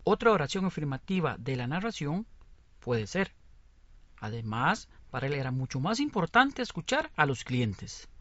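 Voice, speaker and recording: A co-presenter of a scripted radio lesson, explaining examples in a lively way. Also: medium pitch, moderate pace, dry recording. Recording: dull lo-fi recording.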